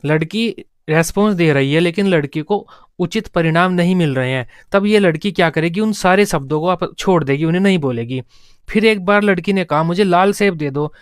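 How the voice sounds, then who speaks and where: A man's voice: high-pitched, a little fast, clear, resonant tone, no room sound, studio quality. A man teaching an exam-prep lesson, repeating key terms and asking and answering his own questions. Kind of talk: classroom lecture.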